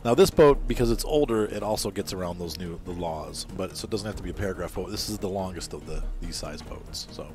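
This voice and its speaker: A man's voice: deep voice, brisk, hardly any pauses, a little mellow, faint music behind. Rambling, self-correcting male game reviewer. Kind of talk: casual gameplay commentary.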